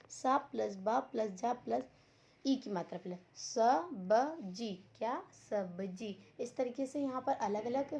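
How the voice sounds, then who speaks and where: A woman teaching young children in a slow, deliberate way, repeating each word and asking questions as she goes. Her voice sits a little high. The recording is dull and lo-fi. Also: mellow. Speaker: school teacher. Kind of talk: online Hindi lesson for young children.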